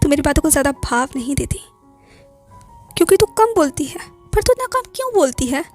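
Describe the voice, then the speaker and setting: A woman's voice: sits high, big pitch swings, brisk, darkish tone, faint music behind. A woman voicing a bubbly, carefree teenage schoolgirl who chatters and teases her friend in an audiobook story. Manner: chatty, teasing, playful.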